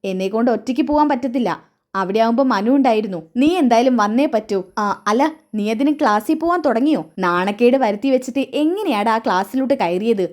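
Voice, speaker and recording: A woman's voice: a little high, fairly quick, a little mellow, close to an everyday voice. Vaijayanthi, a woman reading a bitter mother. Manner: taunting, self-pitying. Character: bitter scornful middle-aged mother, sharp-tongued. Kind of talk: reading a serial recap aloud.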